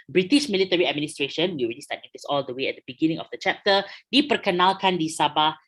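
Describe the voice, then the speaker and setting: A woman's voice: sits low, a bit bright. A young Malaysian woman teaching a history lesson in a chatty way, mixing languages and acting out quotes. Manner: code-switching, chatty, acts out quotes.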